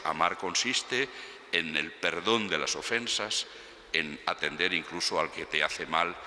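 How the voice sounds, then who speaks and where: Male priest, deep register, measured homily delivery, long cathedral reverb with faint noise behind. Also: pushed and bright. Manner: measured, solemn, phrase by phrase. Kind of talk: homily and liturgical prayer.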